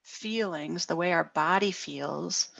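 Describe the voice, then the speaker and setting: A middle-aged woman counselor giving a gentle guided wellness talk over a video call, often asking "right?". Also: fairly low pitch, slow pace, vocal fry, dry recording. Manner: gentle, frequent "right?" tags.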